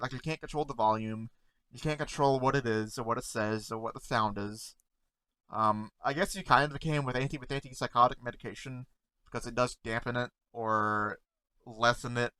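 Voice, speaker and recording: Close to the mic at home, a male content creator reacts to memes while talking casually to camera. His mid-range voice halts and stutters, repeating words and often trailing off softly, with no echo.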